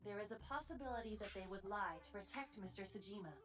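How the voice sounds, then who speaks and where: A woman voicing a logical, teasing, stubborn AI partner in a video game, speaking in a crisp, formal way. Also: mid-range voice, quick pace, far from the mic, over music, lightly acted. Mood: logical, composed. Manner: crisp, formal, matter-of-fact. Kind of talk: English video game voice acting.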